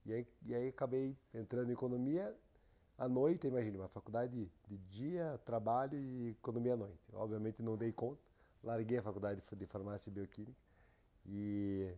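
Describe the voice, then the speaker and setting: A man from who runs a company, speaking as a podcast guest in a relaxed, halting way with many restarts. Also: medium pitch. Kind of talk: casual interview.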